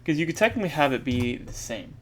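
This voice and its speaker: A man thinking aloud while he codes, halting and correcting himself, with many fillers. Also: mid-range voice, very animated, a little hiss or hum. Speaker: programmer streaming his coding practice. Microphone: earbuds mic.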